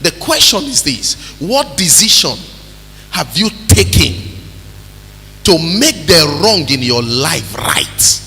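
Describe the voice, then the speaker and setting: Nigerian pastor preaching in a reverberant hall. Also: male voice, on the high side, very animated, takes it slowly, gravelly. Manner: preaching with call-and-response, rising to shouts. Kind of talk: sermon. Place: church hall. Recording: reverberant church hall with music.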